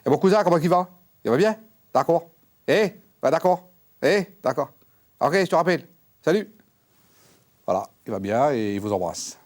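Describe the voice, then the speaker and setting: An actor playing a brash, crude fairground owner who claims to speak with the dead, talking in loud slang that jumps into high squeals. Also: male voice, lively intonation, normal speed, long pauses, lightly acted. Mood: rowdy. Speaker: talk show guest claiming to speak with the dead. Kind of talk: sketch comedy acting.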